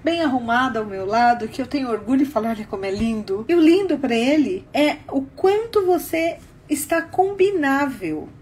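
A Brazilian woman with a Brazilian Portuguese accent, teaching about communication in an animated style full of stories and rhetorical questions. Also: high-pitched, normal speed, few pauses. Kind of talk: expressive talk.

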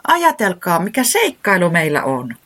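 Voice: mid-range voice, wildly swooping pitch, breathy edge, full character voice. A storyteller voicing a cheerful, dreamy young bunny in a children's storybook, full of wonder. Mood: joyful. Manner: joyful, wondering.

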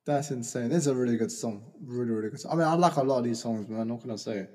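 A man co-hosting a casual album review chat, quick and enthusiastic, repeating words as he talks. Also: mid-range voice, a little mellow, long reverb tail. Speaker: podcast co-host.

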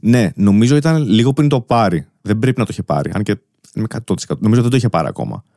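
A man's voice: on the low side, expressive, dark tone, dry recording, studio quality. A man in his thirties hosting a podcast, chatting casually and teasing his guest, laughing often. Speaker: podcast host. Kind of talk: casual chat.

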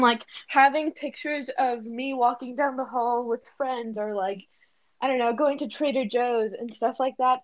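Teen girl musing on a podcast, halting with lots of likes, slightly high voice, dull dry sound. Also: no room sound. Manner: thoughtful, halting, many fillers. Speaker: podcast co-host. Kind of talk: casual reflective chat.

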